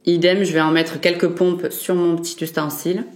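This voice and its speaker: Low-voiced casual French beauty vlogger woman. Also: flat delivery, moderate pace. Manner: chatty, frequent "euh" fillers and self-corrections. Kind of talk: casual makeup review.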